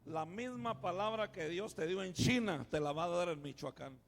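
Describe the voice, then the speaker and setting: A male pastor preaching a sermon, calling out to the congregation and swinging from quiet asides to shouting. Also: sits high, normal speed. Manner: calls out to the congregation, often says "hermano".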